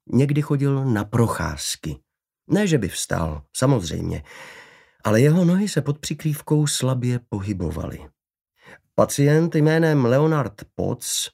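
A man reading an audiobook in a measured, steady narrating voice. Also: mid-range voice, gravelly, breathy edge.

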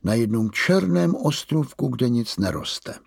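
A man doing a kindly, calm Moominpappa. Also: fairly low pitch, creaky, slightly rough, dry recording, studio quality, full character voice. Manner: slow and friendly. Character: calm, kindly father troll, fond of adventure.

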